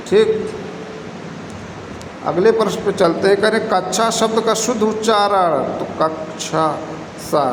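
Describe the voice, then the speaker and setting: A man teaching a spelling lesson for exam prep, slowly repeating each answer and checking in with the class. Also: a little high, noisy background. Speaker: Hindi teacher. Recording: echoey room, faint ambience.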